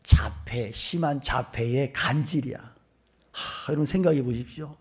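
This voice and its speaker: A middle-aged male pastor preaching a sermon, telling stories with acted-out voices that swing from whispers to loud bursts. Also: mid-range voice, measured pace, slightly rough. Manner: animated storytelling, acting out voices, swinging between whispers and loud outbursts. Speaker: senior pastor.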